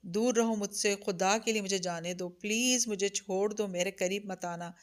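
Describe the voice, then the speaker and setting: A woman's voice: mid-range voice, steady tone, natural voice. Woman reading as a frightened, tearful young woman. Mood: pleading, scared. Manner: tearful, pleading, trembling. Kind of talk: audiobook character reading.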